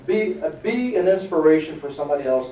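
Energetic middle-aged man in an echoey room. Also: on the high side, a little fast, highs cut off. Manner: energetic, checks in with the audience often. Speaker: motivational fitness speaker. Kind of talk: motivational seminar talk. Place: seminar room before a live audience. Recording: echoey room, distant mic.

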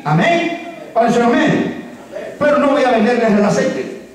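High-voiced preacher in a very echoey hall. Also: male voice. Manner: preaching with call-and-response and quoted dialogue. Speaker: pastor. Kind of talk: sermon. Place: church. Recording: very echoey church sound from far off.

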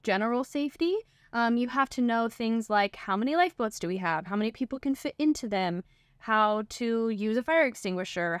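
A woman's voice: on the high side, clear, resonant tone, no echo, studio quality. A woman in her twenties who works as a cruise ship performer, chatting casually to the camera from her cabin with lots of filler words. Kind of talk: casual vlog explainer. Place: small crew cabin on a ship.

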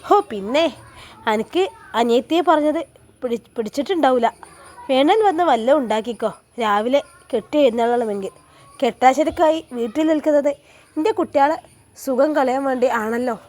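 A woman voicing a sharp-tongued, bossy sister-in-law in a spoken story, scolding and sarcastic in a Malappuram Malayalam accent. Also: high voice, normal speed, close to an everyday voice. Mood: muttering.

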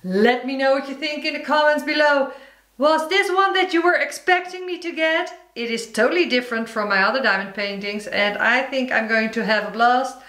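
A woman's voice: high voice, normal speed, fairly bright tone, echoey room, low-quality recording. A woman chatting casually to her viewers as she unboxes and shows off a craft kit, describing each item and calling her audience "guys". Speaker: crafting vlogger.

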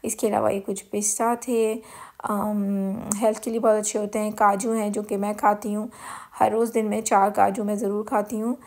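In a casual grocery haul voice-over, a Pakistani-accented home vlogger talks at a normal speed with a flat, medium-pitched, darkish voice. She keeps it chatty, explaining as she goes and mixing English words in.

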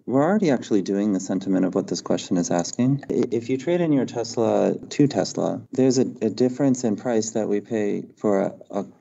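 A company executive gives measured corporate answers over a conference call line. His voice is dark and gravelly, and the call audio is dull and lo-fi. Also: lowish voice, animated. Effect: heard over a conference call line.

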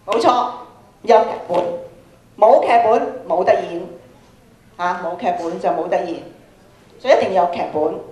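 A woman teaching a radio drama workshop addresses students through a handheld microphone in a large indoor school auditorium. With a Hong Kong Cantonese accent and a darkish, mid-range voice, she speaks at normal speed but pauses often, prompting questions and repeating key phrases, all carried by echoing PA sound.

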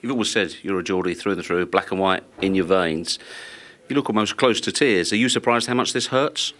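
A man's voice: deep voice, brisk, fairly bright tone. A man working as a TV sports reporter, pressing a manager with probing post-match questions.

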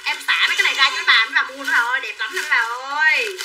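A woman's voice: high-pitched, very fast, sharp tone, soft background music. A woman running a live sales stream, chattily calling out prices and buyer names and coaxing viewers to buy. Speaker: livestream clothing seller. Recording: distant mic with faint background noise.

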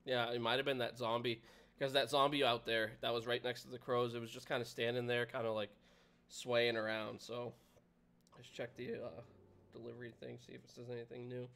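A man's voice: medium pitch, level tone, fairly quick, creaky, fairly bright tone. A man live-streaming a video game, chatting casually with viewers in a rambling way and laughing often. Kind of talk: casual gameplay commentary.

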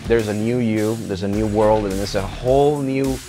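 A man in his thirties, an army medic veteran, giving a candid, profane interview in a dark studio with a joking, blunt manner. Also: on the low side, normal speed. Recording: music underneath.

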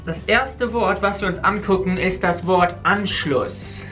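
Bright-voiced young German man teaching. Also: sits high, a little slow, soft background music. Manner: patient, corrects gently, laughs often. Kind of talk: casual chat, language lesson. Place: hotel bedroom, indoors.

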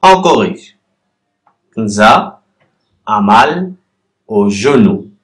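A man teaching a class, guiding learners through written exercises with deliberate pauses and spelled-out syllables. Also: on the low side, sing-song, a bit bright. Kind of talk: slow, patient classroom exercise walkthrough.

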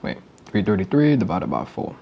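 Young male vlogger, lowish voice, wry casual commentary while eating cereal. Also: big pitch swings, normal speed, creaky, highs cut off, slight background noise. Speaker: YouTuber.

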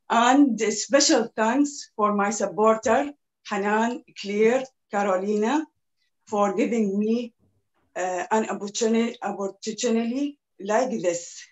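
Teaching a cooking class from a small kitchen, this home cook in her thirties from Iraq greets everyone over a laptop video call. Arabic is her first language, and she speaks English slowly, haltingly, with many pauses. Her voice is on the high side, and the sound quality is poor.

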